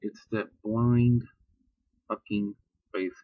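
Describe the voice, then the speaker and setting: A man's voice: fairly low pitch, steady tone, extremely slow, no echo, narrow, tinny audio. A man ranting bluntly and profanely in a casual vlog, talking about religion with heat. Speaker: vlogger. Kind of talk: casual spoken rant.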